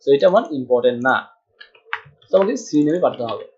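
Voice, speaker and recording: In a screen-recorded coding lesson with dull, lo-fi audio, a Bangladeshi programming tutor talks through his typing, mixing in English terms. He has a medium-pitched voice with lively intonation and a quick pace.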